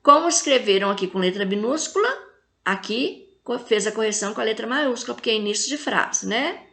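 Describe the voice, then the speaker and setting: A woman with a Brazilian accent teaches children in a recorded video lesson. Her voice sits a little high, and she stretches out each example word slowly and clearly. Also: lively intonation, pushed and bright. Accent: Brazilian Portuguese. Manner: slow, drawn-out syllables when reading example words.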